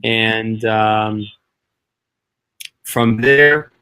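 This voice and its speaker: A man who grew up in the northeastern United States, talking as a guest in a casual conversation. He speaks quickly and chattily, with plenty of "like" and "you know.". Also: on the low side, fairly even intonation, sharp tone, smooth.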